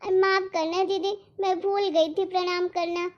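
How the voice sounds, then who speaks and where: A patient young cartoon wife speaks in a very high, soft, pleading voice. She keeps trying to smooth things over. The recording sounds dull and lo-fi. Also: flat delivery, normal speed. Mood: placating. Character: meek polite young wife, gentle and patient. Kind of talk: animated cartoon voice acting.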